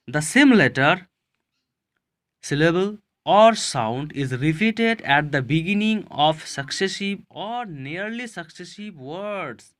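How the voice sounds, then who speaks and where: A man teaching a poetry lesson with an Indian English accent, his voice sitting a little higher than most men's. He talks very slowly and patiently, spelling words out letter by letter and often asking his students whether they have understood. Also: fairly bright tone. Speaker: school teacher. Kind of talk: recorded online lesson explaining a poem.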